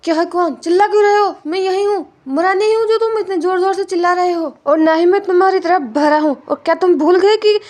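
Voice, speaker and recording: Here is a woman playing a bossy, sharp-tongued spouse from a storybook drama, always scolding and giving orders. The voice is very high. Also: brisk, few pauses. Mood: irritated.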